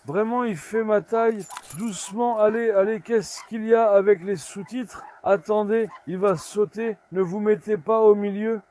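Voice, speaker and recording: A man filming a casual vlog at his farm, coaxing and calming his dogs while chatting to viewers. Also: sits high, measured pace, a little hiss or hum. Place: farmyard outdoors.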